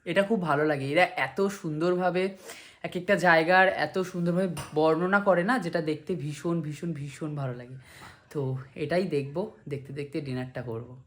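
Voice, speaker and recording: This casual vlog chat comes from a Kolkata Bengali-accented man in India who teaches dance and vlogs. His fairly high, somewhat bright voice moves at normal speed as he rambles and mixes in English phrases.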